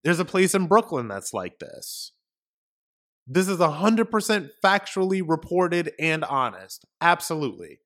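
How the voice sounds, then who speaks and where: A man's voice: a little high, big pitch swings, measured pace, fairly bright tone. A man hosting a political commentary podcast, talking emphatically in a ranting monologue full of repetition and rhetorical questions. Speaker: podcast host.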